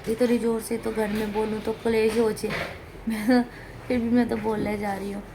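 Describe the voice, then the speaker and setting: A woman's voice: a little high, flat delivery, normal speed. A woman from India vlogging casually at home, unwell and in pain, talking in a plain, complaining, straight-talking way. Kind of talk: casual home vlog talk. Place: home room with air conditioner running. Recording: noisy room, air conditioner hum.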